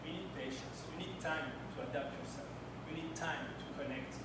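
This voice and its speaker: Talking at a normal speed in a voice on the high side, a French conference speaker in his thirties recounts personal anecdotes in English, his second language, with non-native phrasing as part of a timed slide talk. It's a launch party in an event hall, captured by a distant mic with lots of echo and noise.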